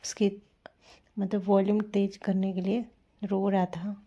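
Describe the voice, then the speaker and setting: A woman's voice: mid-range voice, level tone, unhurried, dull audio. A young woman chatting casually in a home vlog from her bedroom, rambling on and talking to her baby. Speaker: family vlogger. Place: bedroom at home with the door open. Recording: loud street traffic noise through open door.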